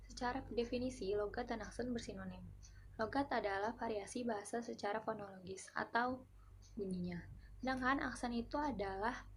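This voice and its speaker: A woman's voice: mid-range voice, a little hiss or hum. Young Indonesian woman explaining a lesson. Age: young adult. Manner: explains slowly and carefully, with spoken examples. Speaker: university student presenter. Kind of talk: class presentation.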